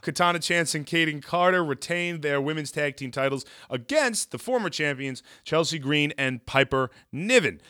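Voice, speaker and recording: A man's voice: a little high, animated, normal speed, few pauses, pushed and bright, no echo, clean studio sound. A man co-hosting a wrestling podcast, leading the recap with strong opinions in casual chat. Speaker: podcast co-host.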